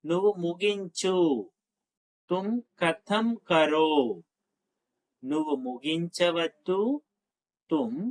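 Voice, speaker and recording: Man slowly drilling Hindi phrases. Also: fairly high pitch, steady tone, poor audio. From Telugu-speaking India. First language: Telugu. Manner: repeats phrases slowly, quick asides in between. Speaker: Hindi teacher. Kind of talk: spoken language lesson, slow drill phrases.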